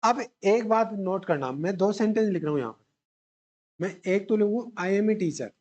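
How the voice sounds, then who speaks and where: A man's voice: high-pitched, expressive, moderate pace, darkish tone. A male English teacher giving an exam-prep lecture at a whiteboard, asking the class questions and answering them himself while repeating key words. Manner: mixes English grammar terms into Hindi explanation.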